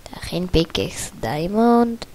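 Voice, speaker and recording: A woman giving let's play commentary on her own gameplay, muttering quietly to herself and then breaking into excited bursts of repeated exclamations. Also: fairly low pitch. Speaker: gaming video creator.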